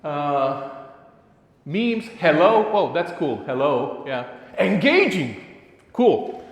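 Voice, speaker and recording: Slow-paced yet very animated, a man with a Romanian accent and a highish voice delivers a live conference talk, poking fun at himself amid frequent fillers and restarts. The hall has a long, echoing reverb and an audience listening in person.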